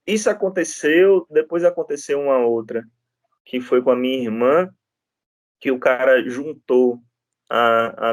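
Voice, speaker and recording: A man's voice: mid-range voice, vocal fry, no room sound, clean studio sound. A male law lecturer with a Brazilian Portuguese accent, teaching in an informal, storytelling way and often checking in with his listeners. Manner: chatty, storytelling, frequent tag questions.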